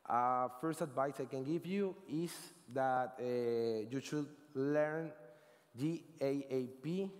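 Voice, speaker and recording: A man's voice: mid-range voice, a little mellow. Venezuelan man speaking in a reverberant hall. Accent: Venezuelan Spanish. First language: Spanish. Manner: casual, rambling, frequent self-corrections and "right?" tags. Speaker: conference speaker. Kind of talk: conference talk. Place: large conference stage. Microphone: headset.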